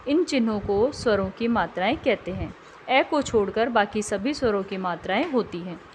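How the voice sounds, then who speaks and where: A woman tutor narrating a scripted grammar lesson, slowing down and stretching out each example word. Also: mid-range voice, expressive, a little hiss or hum. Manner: slow, carefully drawn-out example words.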